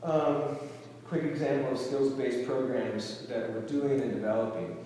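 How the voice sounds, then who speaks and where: A middle-aged camp director speaks to an audience in a large hall, hesitating and using many fillers and restarts. His medium-pitched voice is warm and unhurried with fairly even intonation. The recording is roomy and distant, with faint ambience and a little hiss or hum.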